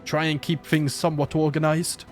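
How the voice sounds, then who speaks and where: A gaming channel host with a sore throat chats casually, jokes and thinks aloud while playing a strategy game in a let's play commentary. His voice is a little high with a level tone at normal speed, over soft background music.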